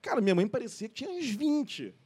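Lively fast-talking Carioca man. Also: extremely high pitch, breathy edge. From Brazil. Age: late 30s. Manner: animated storyteller, slangy, laughs often. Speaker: podcast co-host. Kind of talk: casual chat.

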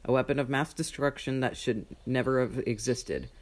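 Young guy running a tabletop game, teasing players, middle pitch. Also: moderate pace. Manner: dramatic lore narration and teasing banter. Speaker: game master.

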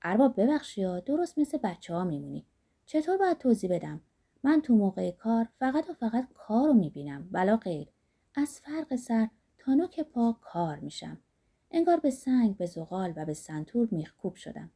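A woman reading the lines of a blunt, earthy old miner who talks with impatience, pitched a little lower than her narration. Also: very animated, vocal fry, dark tone, breathy edge, exaggerated voice. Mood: explaining. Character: blunt hardworking older Greek miner, gruff.

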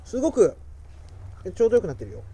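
A man's voice: sits high, big pitch swings, quick pace. A man hosting a casual podcast chat, teasing his co-hosts and steering the game. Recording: loud background noise.

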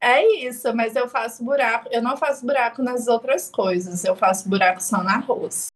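A young woman with a bright, high-pitched voice co-hosts a chatty podcast. She talks in a playful, self-mocking way and breaks into laughter often. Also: steady tone, moderate pace. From outside Belo Horizonte. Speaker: podcast co-host. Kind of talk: casual chat.

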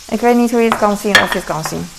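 Talking quickly with vocal fry in a medium-pitched voice, a home cook vlogger rambles through a casual chat full of fillers and self-mockery. Her noisy home kitchen recording is filled with the sound of a sizzling, frying pan.

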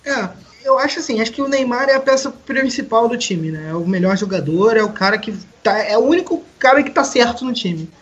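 A man's voice: extremely high pitch, expressive, a little fast, few pauses, a bit bright. Thin, reedy-voiced Brazilian man, slightly muffled. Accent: Brazilian Portuguese. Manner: joking, informal. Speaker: podcast host. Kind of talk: casual football podcast chat.

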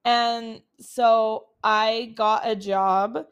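Speaking very slowly in a level, clean tone on the high side, a young Utah woman hosts her own casual podcast. The recording through her laptop's built-in mic sounds muffled, and she chats upbeat with many fillers while still recovering from colds.

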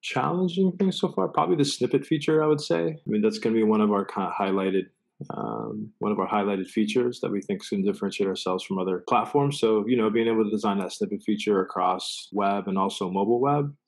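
Speaking fast with vocal fry in a lowish voice, a man describes his job as a product designer during an interview. He rambles casually, leaning on "right" and "you know" again and again.

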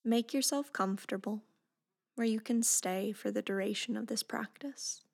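A woman with a mid-range voice guides a meditation softly and breathily. She takes her time with gentle instructions, and her phrases fade out almost to a whisper.

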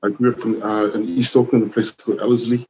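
Laid-back low-voiced man from New Zealand. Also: fast, dull audio, a little hiss or hum. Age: 40s. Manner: relaxed, rambling, lots of "you know" and "man". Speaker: podcast guest, youth worker. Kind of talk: casual conversation.

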